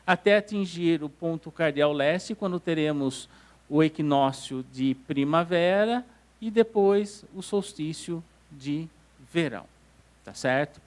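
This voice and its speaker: A man with a Brazilian Portuguese accent teaching an astronomy class, explaining step by step and checking that the audience follows. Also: sits high. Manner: explanatory, checks understanding with "tá certo?". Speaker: astronomy lecturer. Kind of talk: classroom lecture. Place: council hall lecture room.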